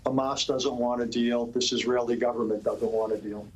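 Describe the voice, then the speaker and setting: A man answers interview questions as a foreign policy expert. He is blunt and decisive, but he stumbles into restarts now and then. His pitch sits in a middle range. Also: level tone, moderate pace, slight background noise, low-quality recording.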